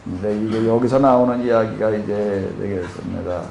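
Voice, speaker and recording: In an echoey room with faint noise, a pastor speaking Korean Jeolla dialect gives a Bible seminar lecture. His male voice is gravelly, on the low side, and warm at a normal pace, and he rambles, uses lots of fillers, and asks the audience questions.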